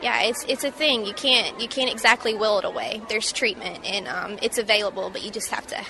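A woman in her twenties from Mississippi recounting a personal story in an interview, halting and reflective with many fillers. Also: mid-range voice, steady tone, crowd noise. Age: 20s. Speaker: interview guest.

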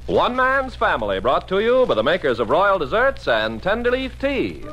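A man's voice: high-pitched, huge pitch swings, moderate pace, full character voice, rough recording. A man announcing a 1940s radio drama in a formal, declamatory old radio announcer's style. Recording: 1940s radio broadcast over loud music.

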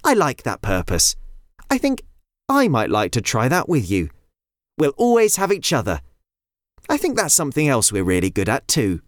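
Excited little girl, put on by a man, high and bright, lively pitch, dry close sound. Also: normal speed, long pauses, no echo. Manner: bright, excited, much higher voice. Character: excited kind young girl.

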